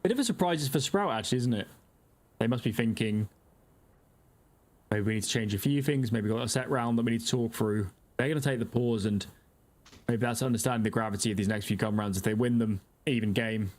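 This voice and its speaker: A man's voice: medium pitch, fairly quick. A man giving analytical live esports commentary as a caster, breaking down the tactics of the play. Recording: noisy, game gunfire behind the voice.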